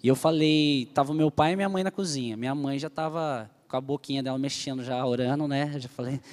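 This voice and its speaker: A man's voice: medium pitch, a little fast, a little mellow, in a large hall. A young man from Brazil giving an emotional personal testimony as a church leader, telling his story earnestly and animatedly to the group.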